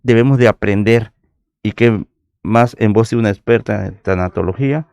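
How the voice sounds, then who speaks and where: A man hosting a radio interview, asking questions in a measured, formal way. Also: lowish voice, gravelly, darkish tone, dry recording. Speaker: radio host.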